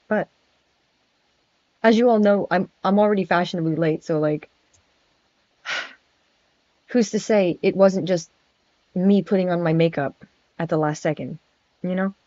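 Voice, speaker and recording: A woman's voice: lowish voice, warm tone, dry recording. A woman streaming in character as a friendly male vampire prince, chatting casually, giggling nervously and stammering. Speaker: virtual streamer. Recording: dry, dull lo-fi mic.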